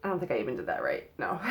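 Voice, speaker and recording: A young psychic card reader with a cold talks to camera in a medium-pitched, slightly nasal voice that's a little mellow. Her casual tarot-style reading is chatty, loaded with fillers and frequent "okay?" tag questions.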